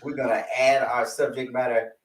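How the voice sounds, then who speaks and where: A man's voice: medium pitch, normal speed, background noise. A man co-hosting a podcast, chatting playfully in slang before introducing his guests over a video call. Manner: animated, playful, lots of slang and fillers. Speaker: podcast co-host. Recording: echoey, distant from the mic.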